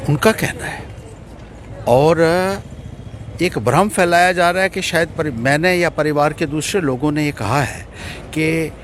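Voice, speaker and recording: A man's voice: mid-range voice, noisy background. Hesitant man speaking to press. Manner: hesitant, many filler sounds. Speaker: interviewee. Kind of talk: statement to press.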